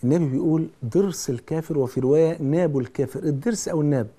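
Fast-talking Egyptian preacher man. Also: on the high side, dark tone. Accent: Egyptian Arabic. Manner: earnest, directly addressing the listener with repeated pleas. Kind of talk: sermon.

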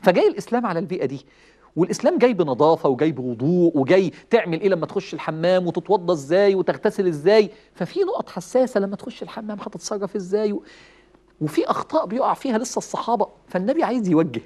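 A preacher with an Egyptian Arabic accent gives a lively religious talk at a racing pace in a high-pitched voice. He tells stories, chuckles, and acts out the lines he quotes.

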